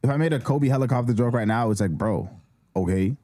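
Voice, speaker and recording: A man's voice: medium pitch, rapid-fire, no echo, studio quality. A man, a comedian guest on a podcast, telling stories in casual chat and swearing freely. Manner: animated storyteller, swears freely.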